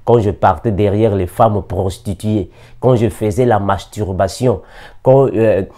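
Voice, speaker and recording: Man, from Africa, preacher, sermon, warm low tone, repeats scripture references. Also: measured pace. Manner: repeats scripture references, emphatic quoted verses.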